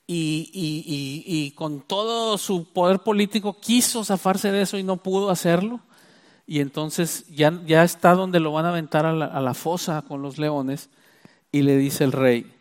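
A man preaching a sermon, explaining scripture emphatically and drawing out key words. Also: sits high. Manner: emphatic, stresses key phrases with slow drawn-out words; repeats and restarts while explaining.

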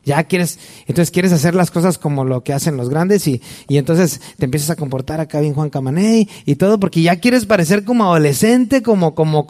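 A man's voice: high-pitched, a little mellow. Mexican man preaching a casual sermon. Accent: Mexican Spanish. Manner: conversational, addresses listener directly. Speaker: pastor.

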